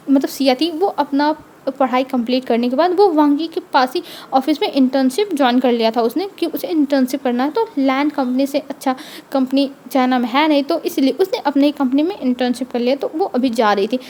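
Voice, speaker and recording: A woman retells a romance story in a loose, chatty storyteller manner. Her voice sits high, and she keeps circling back with repeated phrasing. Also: brisk, darkish tone, a little hiss or hum. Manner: conversational, repetitive phrasing. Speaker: fanfiction narrator. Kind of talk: casual storytelling narration.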